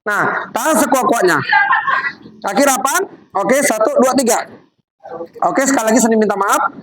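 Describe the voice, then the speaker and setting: A woman with a fairly high pitch speaks at a moderate pace on a rough recording. During her live MLM product demonstration to a group, she chats and coaxes as she directs volunteers, with a crowd audible behind her.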